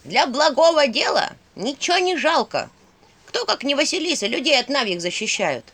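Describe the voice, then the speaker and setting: A woman's voice: high-pitched, very animated, moderate pace, a bit bright, voice pushed up, exaggerated voice. Old female talking skull-staff read by a woman; folksy drawl, sly and matter-of-fact. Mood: justifying. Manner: folksy, drawling, rustic speech.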